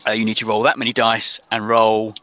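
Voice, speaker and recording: Bright-voiced man running a tabletop game. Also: fairly low pitch, monotone, no echo, poor audio. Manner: halting, many ums and restarts. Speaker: game master.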